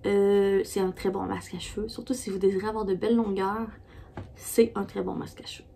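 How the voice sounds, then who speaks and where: A Québécois woman talks through her favourite hair and skin products in a loose, rambling vlog chat. Her pitch sits in an ordinary middle range, and she keeps stopping to restart her sentences. A faint hiss of noise runs underneath. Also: level tone, brisk, creaky, dark tone. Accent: Québécois French. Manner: chatty, rambling with many fillers and restarts. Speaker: beauty vlogger. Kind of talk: casual product review.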